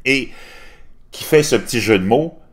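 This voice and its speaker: A man's voice: mid-range voice, lively intonation, a little slow. A man in his fifties from Quebec with a Québécois French accent, mocking and scornful as he rants over a news article on his channel. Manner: scornful, mocking, laughs at his own jokes. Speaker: commentary channel host.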